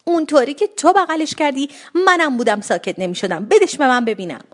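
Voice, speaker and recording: A woman voicing a bossy, flustered middle-aged mother who scolds and gives orders in a shrill, commanding voice. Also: expressive.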